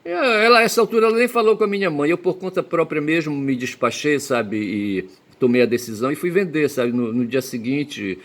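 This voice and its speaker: A man's voice: fairly high pitch, brisk, hardly any pauses. A man from Belém, rambling through a personal monologue, cursing often and tagging nearly every phrase with a question. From Belém, Pará, Brazil. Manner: peppers speech with tag questions; profane, emphatic outbursts. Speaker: commentator.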